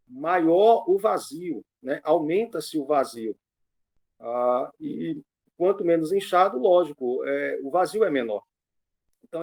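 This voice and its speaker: A man's voice: on the high side, darkish tone. Man explaining Greek words to a book group. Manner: explanatory, teaching tone with frequent fillers. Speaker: pastor. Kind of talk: book club discussion.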